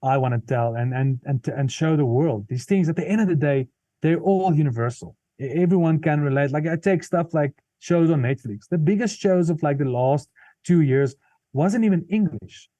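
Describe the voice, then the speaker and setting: His voice is slightly high, mellow and lively in intonation at normal speed, recorded without echo but with the highs cut off. A South African comedian and musician with an Afrikaans accent, he thoughtfully explains his views in an interview, frequently restarting and using fillers.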